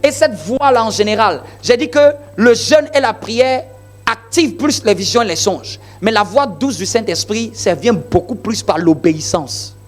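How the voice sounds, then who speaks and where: A man's voice: sits high, animated, normal speed, soft background music. A male pastor delivering a sermon in an emphatic, repetitive preaching style full of rhetorical questions.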